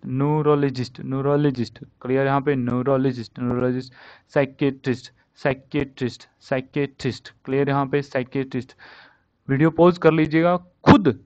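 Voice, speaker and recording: A male teacher gives a casual spoken vocabulary lesson, blending Hindi and English and repeating each word again and again to drill its pronunciation. His voice is medium-pitched and darkish, captured in a dull, dry, lo-fi recording.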